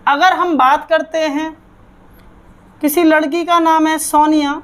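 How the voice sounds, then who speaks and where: A woman's voice: sits high, level tone, a little slow, a bit bright. A woman teaching an online English grammar lesson, drilling terms and answering her own quiz questions.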